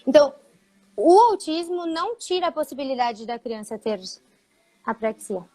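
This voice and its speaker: Lady speech therapist, high voice, explains things slowly and patiently in a live chat. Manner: didactic, steady explaining with frequent fillers. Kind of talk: explanatory live-stream talk.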